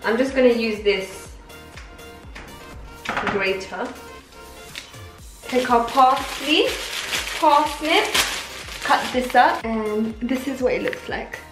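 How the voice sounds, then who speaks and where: Speaking slowly with frequent pauses, this young adult woman has a highish voice. She's a vlogger cooking in her home kitchen, chatting to viewers in an upbeat, rambling way for a casual cooking video. There's faint music in the background and a spacious kitchen echo.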